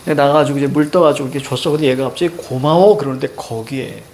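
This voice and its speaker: A middle-aged man teaching a class, telling a personal story in a lively, casual way and mixing informal and polite speech. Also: medium pitch, very fast, a little hiss or hum. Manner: animated, switching between casual banmal and polite endings.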